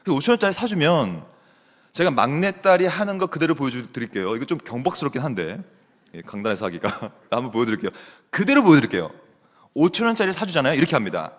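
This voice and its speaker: Animated middle-aged man preaching. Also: medium pitch, quick pace. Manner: animated storytelling, chatty with the congregation. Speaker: guest preacher, theology professor. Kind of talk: sermon. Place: church sanctuary. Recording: long church hall reverb.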